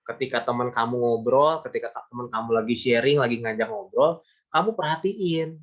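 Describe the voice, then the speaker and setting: A man's voice: medium pitch, brisk, lo-fi sound. A male teacher giving a casual classroom lesson, talking chattily and repeating points with emphasis. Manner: chatty, repetitive, emphatic, gives everyday examples.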